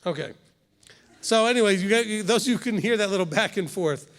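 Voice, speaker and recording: Leading Torah study in his congregation's hall, a fifty-something rabbi talks in a high, slightly bright voice at a fairly quick clip, with big-room sound around him. His style is conversational, and he often checks in by asking "okay?"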